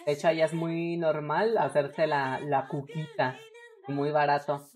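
Here is a Mexican woman in her twenties with a notably low voice, casually chatting with a friend during a gaming stream. She talks in a chatty, teasing way, full of jokes. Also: fairly even intonation, unhurried, darkish tone. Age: 20s. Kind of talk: casual chat while gaming.

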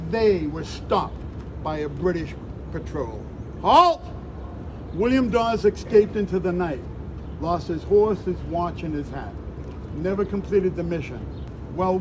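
A man in his sixties projecting like a town crier as a theatrical historical tour guide, in short emphatic phrases with dramatic pauses. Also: high voice. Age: 60s. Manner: declamatory town crier delivery, projecting to a group. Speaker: costumed Freedom Trail tour guide. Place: outdoors in parks and streets among a tour group. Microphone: handheld phone a few steps away. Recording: phone recording with outdoor city noise.

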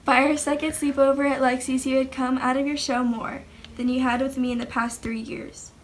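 A woman's voice: sits high, flat delivery, brisk, a little hiss or hum. A teenage girl vlogging casually on a handheld camera, bubbly, giggly and a little dramatic. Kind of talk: casual vlog chat. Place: home and mall.

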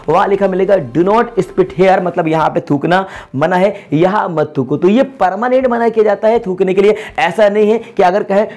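A man's voice: high-pitched, a little mellow. A man hosting a YouTube lesson, explaining English grammar in Hindi and repeating each example to stress it.

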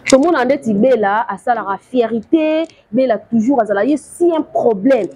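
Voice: mid-range voice, normal speed, a little mellow. A speaker in a casual conversation, giving short prompting replies and frequent hums. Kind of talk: casual conversation mixing languages. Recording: faint background noise.

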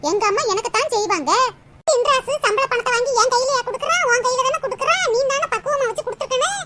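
A woman's voice: very high voice, fast, bright, forceful tone, a little hiss or hum. A woman voicing a whiny, pampered young married daughter in a cartoon, with a Kanyakumari Tamil accent. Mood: gloating. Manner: whining, complaining.

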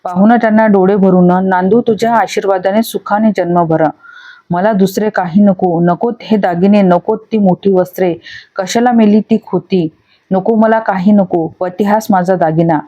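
A woman's voice: medium pitch, fairly even intonation, moderate pace, dark tone, natural voice. A woman voicing a devout wife who prays tearfully and pleads with the gods for her husband's life, on a dull lo-fi recording. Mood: pleading.

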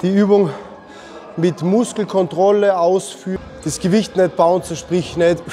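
A man's voice: sits high, steady tone, a little slow. A man explaining his leg workout in a casual, instructive way, dropping English gym slang. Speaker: fitness vlogger.

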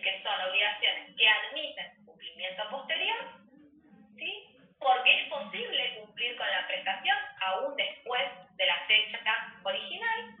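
A woman teaches a law class and checks in with "¿sí?" as she goes. Her voice is fairly high and moves a lot in pitch. She sounds far from the mic, in an echoey classroom heard through a tinny, phone-like recording. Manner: explanatory, checks with frequent "¿sí?". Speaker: law lecturer. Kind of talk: university lecture.

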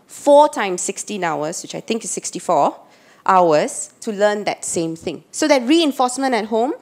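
A woman in her forties with a Singaporean accent, giving an earnest conference keynote into a handheld mic and checking in with listeners by asking "right?". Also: medium pitch. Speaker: keynote speaker. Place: conference hall, at a podium. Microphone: handheld microphone.

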